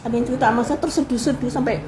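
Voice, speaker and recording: Animated older woman storyteller. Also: fairly high pitch, rapid-fire, poor audio. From Indonesia. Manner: animated storyteller who acts out quoted people. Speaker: interview guest recalling family history. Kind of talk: casual spoken reminiscence.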